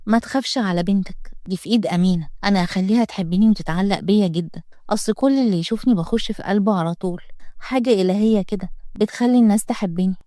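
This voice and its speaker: Feisty sharp-tongued young nanny, as a woman reads her, egyptian accent, fast, dry. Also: medium pitch, no room sound, lightly acted. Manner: cheeky, feisty.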